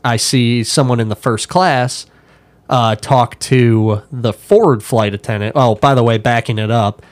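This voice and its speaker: A man in his own voice on a dry, close mic, spinning anecdotes in relaxed conversation. He jumps into the voices of the people he quotes and breaks into laughter as he goes. His pitch sits in the middle range. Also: unhurried, no room sound. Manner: animated storyteller, acts out quotes, laughs often. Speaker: podcast guest, airline pilot. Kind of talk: casual storytelling chat.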